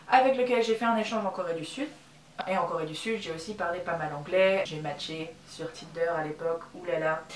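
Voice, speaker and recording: A woman's voice: lowish voice, distant mic. A French woman in her twenties chatting candidly in a casual vlog, with many fillers and restarts. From France. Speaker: YouTuber. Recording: roomy echo, voice a bit off-mic, faint background noise.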